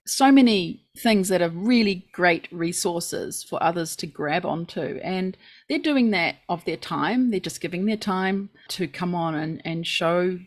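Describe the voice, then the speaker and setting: Earnest New Zealand woman, lower voice. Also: measured pace, hardly any pauses. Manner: earnest, informative, lists facts and reports at length. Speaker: podcast co-host. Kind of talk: casual podcast chat.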